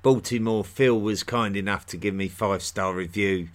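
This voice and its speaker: A man's voice: on the low side, normal speed. A man with a London-area English accent hosting a history podcast, chatting in a friendly way with many ums and restarts. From England, near London. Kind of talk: solo podcast talk.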